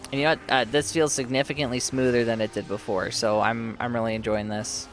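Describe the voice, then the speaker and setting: Soft music plays behind a man live-streaming a game, who chats casually and answers his viewers as a sore throat wears his voice down. His medium-pitched voice stays level and fairly quick.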